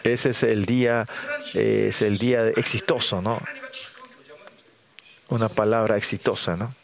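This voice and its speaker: Middle-aged pastor preaching to a congregation. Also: male voice, on the low side, steady tone, gravelly, crowd noise. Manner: frequent tag questions, halting restarts and fillers; acts out prayers in a raised voice. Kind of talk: sermon. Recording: congregation audible behind.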